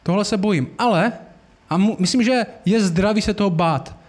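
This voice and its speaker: A man preaching a sermon in an earnest, conversational way, asking the congregation rhetorical questions. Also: sits high.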